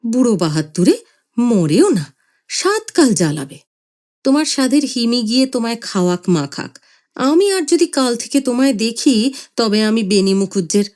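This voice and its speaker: A woman voicing a sharp-tongued middle-aged mother who scolds in a shrill, scornful way. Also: very animated, moderate pace.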